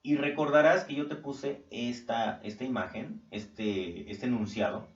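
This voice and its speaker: Patient teacher, roomy distant sound. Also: male voice, mid-range voice, measured pace, highs cut off. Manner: patient, explains step by step with frequent checks for understanding. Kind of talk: recorded online grammar lesson.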